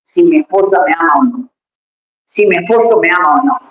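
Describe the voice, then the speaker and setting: A pastor preaching a lively, emphatic sermon, speaking straight to the congregation in a church. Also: medium pitch, a little fast. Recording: echoey church hall.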